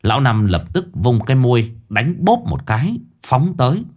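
Brief: male storyteller, lively pitch, dramatic scripted horror narration. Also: normal speed.

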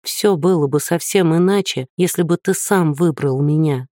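A man's voice: a little high, moderate pace, a little mellow, no echo, studio quality, close to an everyday voice. A man voicing a shy but stubborn young woman in a storybook reading, speaking timidly and earnestly. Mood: hesitant.

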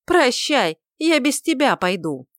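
Woman reader doing a proud young beauty, mocking, high and loud, dry recording. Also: sing-song, slow pace, no room sound, full character voice. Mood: scornful. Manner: mocking, defiant.

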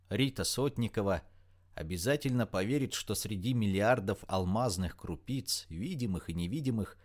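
A man reading an audiobook in an expressive, dramatic narration style. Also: on the low side.

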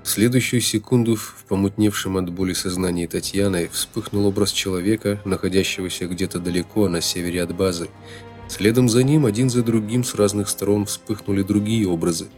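A man reading an audiobook as narrator in a steady, dramatic way, with music behind him. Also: deep voice, fairly quick. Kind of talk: scripted narration.

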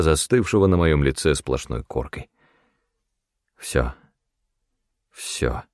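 A man narrating a first-person audiobook in a measured, expressive reading. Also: low-pitched, creaky, dry recording, studio quality.

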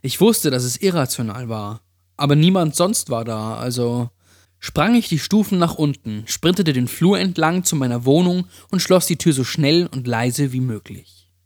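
A man narrating a first-person horror story in a calm, hushed storytelling manner. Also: medium pitch, normal speed, dry recording, studio quality. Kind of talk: first-person creepypasta reading.

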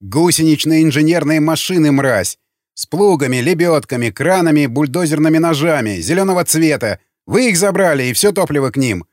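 A man's voice: a little high, lively intonation, a little fast, no echo, clean studio sound, close to an everyday voice. A man doing a brutal raider screaming at a prisoner. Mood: furious. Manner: furious shouting.

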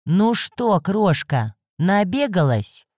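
A woman voicing a rough, drunken male troll thug with a gruff, leering manner. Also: medium pitch, sing-song, slow pace, darkish tone, no room sound, studio quality.

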